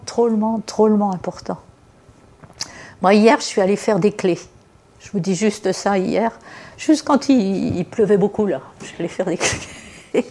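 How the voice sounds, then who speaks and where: A woman giving an informal sermon, reading scripture and then explaining it in a chatty way full of asides and fillers. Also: mid-range voice. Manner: warm, explanatory, addresses the congregation directly. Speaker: preacher.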